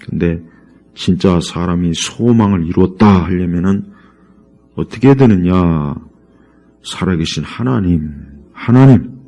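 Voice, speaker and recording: A middle-aged male pastor preaching a sermon, repeating key words emphatically and swinging between loud rises and quiet drops. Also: low voice. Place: church.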